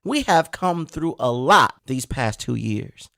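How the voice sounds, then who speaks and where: A man hosting a podcast, giving an energetic, emphatic motivational monologue straight to the listener. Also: mid-range voice, slow pace, gravelly, dry recording, studio quality. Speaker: podcast host.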